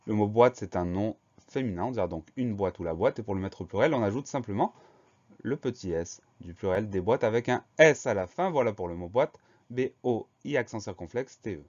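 A man's voice: lowish voice, expressive, fairly quick, a little mellow, highs cut off. A man teaching a spelling lesson, patiently spelling out each word letter by letter.

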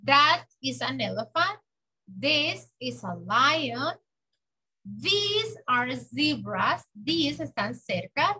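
Slow, patient teacher woman. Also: high voice, big pitch swings, pushed and bright, slightly rough, low-quality recording. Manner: patient, exaggerated slow pronunciation for children. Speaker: English teacher. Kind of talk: bilingual classroom lesson, slow drilled repetition.

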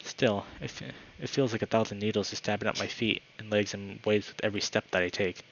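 A man's voice: on the low side, steady tone, brisk, gravelly, fairly bright tone, lo-fi sound. A man reading a visual novel aloud for his channel, narrating dramatically with the odd casual aside. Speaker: gaming YouTuber.

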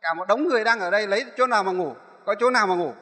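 Brief: a man doing an indignant cursing spirit, high and sharp, hall echo. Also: rapid-fire. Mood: furious, aggrieved. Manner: shrill, scolding, indignant complaints. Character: angry spirit possessing a thin village woman, cursing. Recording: echoey hall.

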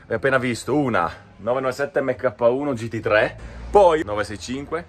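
This car vlogger speaks with an Italian accent at medium pitch and normal speed. Out in a mountain town with music behind him, he chats eagerly to viewers about the cars passing by, his tone excitable and casual.

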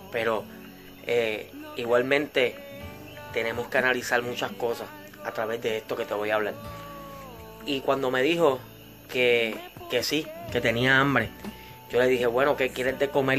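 A man, a pastor telling a testimony in an earnest sermon with quoted dialogue. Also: mid-range voice. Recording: music playing behind.

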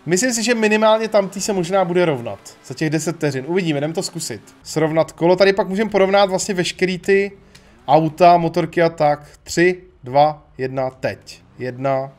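A young man from Czechia giving casual, chatty commentary while playing a video game, thinking aloud and breaking into excited exclamations. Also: sits high. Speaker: gaming YouTuber. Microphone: USB studio mic.

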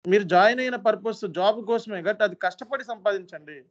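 A man's voice: sits high, fast. A man in his thirties, an SAP training instructor, making a stern, earnest appeal to his trainees and repeating points for emphasis. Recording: dull lo-fi sound.

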